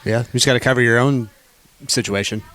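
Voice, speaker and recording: A man in his early forties, co-hosting a podcast in casual chat, trading dry, deadpan wisecracks. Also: mid-range voice, fast, rough recording. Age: 40s. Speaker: podcast co-host.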